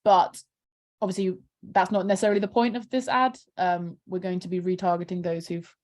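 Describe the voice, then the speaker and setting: A woman with a lowish, slightly mellow voice talks fairly quickly and steadily. She's a charity campaigner in a casual video call interview, showing a screen share and chatting with many "um"s and "kind of"s.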